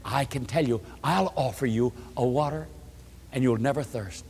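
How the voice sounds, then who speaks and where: A male preacher voicing a gentle, kindly teacher in a soft, hushed tone, in a hall with long reverb. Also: medium pitch, normal speed, creaky, a little hiss or hum, pitched below the performer's own voice, close to an everyday voice.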